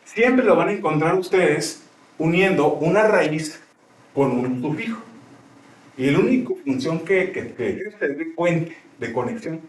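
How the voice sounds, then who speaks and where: His fairly high voice is animated but a little slow as he lectures on grammar, often pausing to ask students checking questions. The classroom is roomy and the mic is far away.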